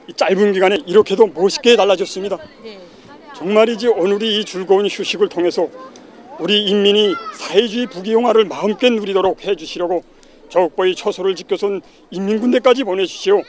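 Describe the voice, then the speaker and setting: A man with a North Korean accent giving an earnest, rhetorical testimonial as an interviewed visitor. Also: high-pitched.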